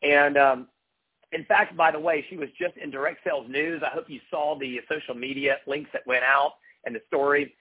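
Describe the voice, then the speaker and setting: Man, middle-aged, rather high husky voice, polished corporate enthusiasm, motivational business talk, emphatic, thin phone-line sound. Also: steady tone, normal speed. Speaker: company executive addressing distributors. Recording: thin, muffled telephone line.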